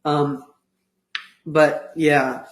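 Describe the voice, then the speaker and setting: A man's voice: a little high, flat delivery, extremely slow, echoey room, poor audio. A teenage boy co-hosting a podcast, chatting casually and teasing his friend, with lots of "um" and "like". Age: teens. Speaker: podcast co-host. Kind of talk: casual chat.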